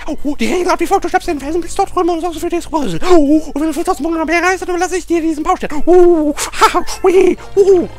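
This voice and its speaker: Man doing a squeaky excitable bowling creature. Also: fast talker, few pauses. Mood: excited. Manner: breathless sing-song "oh, oh" cries. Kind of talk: reading game dialogue aloud in a put-on voice.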